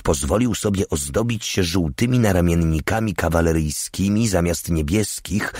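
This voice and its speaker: Deep-voiced male audiobook narrator. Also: darkish tone, breathy edge, no echo, studio quality. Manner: measured, unhurried reading. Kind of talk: scripted narration.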